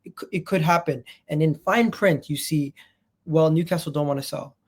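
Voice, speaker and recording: A man's voice: a little high, moderate pace, slightly rough. A man giving a passionate, exasperated football rant as a fan pundit, blunt and sweary, repeating phrases for emphasis. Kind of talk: opinionated sports rant.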